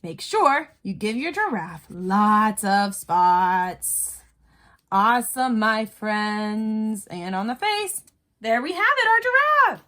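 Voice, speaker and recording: Very animated, a woman leads young children through drawing one step at a time, using simple, encouraging phrases like an elementary art teacher. She keeps it slow, and her bright voice swings widely in pitch.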